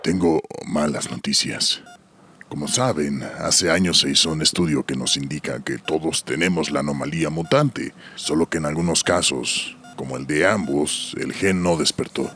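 A man's voice: extremely low pitch, normal speed, fairly bright tone, a little hiss or hum. A man acting a grave doctor and storyteller in an audio drama, with a solemn, scripted delivery.

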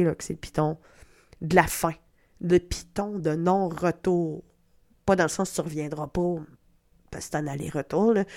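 Speaking in a voice that sits low and a little mellow, a middle-aged woman from Quebec hosts a podcast. Her casual monologue, in a Québécois French accent, is chatty, self-mocking, and peppered with swearing.

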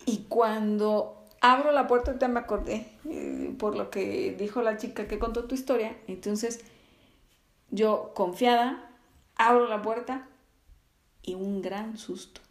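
A woman's voice: medium pitch, sing-song, a little slow. A woman telling a story in casual chat, with many fillers and frequent laughter. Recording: echoey room.

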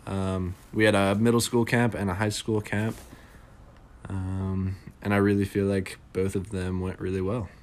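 A man's voice: deep voice, little pitch movement, unhurried, a little hiss or hum. A young man co-hosting a podcast, chatting in an easygoing way and laughing often. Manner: easygoing, laughing, many fillers. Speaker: podcast co-host. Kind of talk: casual chat.

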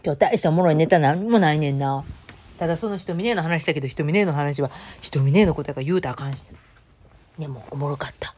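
A chatty woman with a Kansai accent, talking casually to her listeners as a host. Her voice sits a little low for a woman. She tells stories freely and slips into other people's voices when she quotes them. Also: quick pace, a little mellow. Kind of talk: casual chat.

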